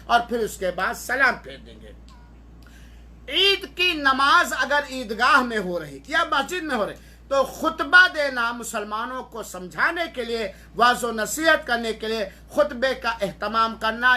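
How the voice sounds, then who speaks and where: Male religious teacher, clear bright tone, methodical and explanatory delivery. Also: extremely high pitch. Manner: measured, explanatory, step by step. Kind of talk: instructional religious talk.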